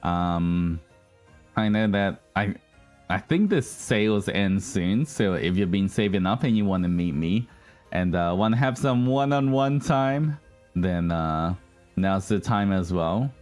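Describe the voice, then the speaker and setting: With a deep, darkish voice and lively intonation, a man hosts a livestream as a virtual streamer. He talks unhurriedly, rambling casually to viewers he addresses as guys, over background music.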